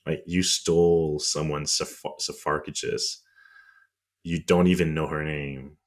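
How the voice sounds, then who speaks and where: Deep-voiced French-accented man explaining history. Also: steady tone, unhurried. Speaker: podcast co-host.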